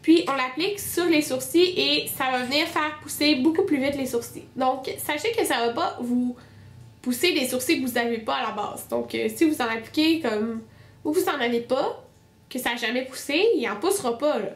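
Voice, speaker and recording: Stuffed up from a cold, a young beauty vlogger with a Québécois French accent runs through her monthly favorites in a relaxed video. Her high-pitched voice moves at a moderate pace and sounds reverberant. She chats freely, often restarting sentences and using filler words.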